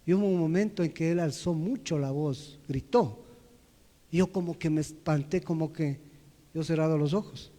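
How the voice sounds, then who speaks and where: A man preaching a personal testimony, swinging from loud to hushed as he tells the story. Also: on the high side, moderate pace, in a large hall. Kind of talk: sermon testimony. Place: church hall.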